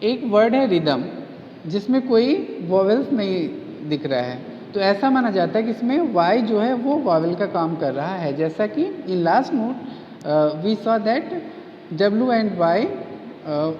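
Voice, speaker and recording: A woman teacher explaining grammar slowly and deliberately, switching between Hindi and English and repeating words syllable by syllable. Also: medium pitch, expressive, dark tone. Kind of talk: grammar lesson. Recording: roomy, echoey, dull lo-fi sound with faint hiss.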